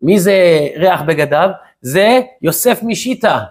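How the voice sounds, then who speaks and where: A man preaching as a rabbi, telling a story in a lively way and acting out the voices of its characters. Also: high voice, husky. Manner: animated storytelling, acts out quotes. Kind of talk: sermon.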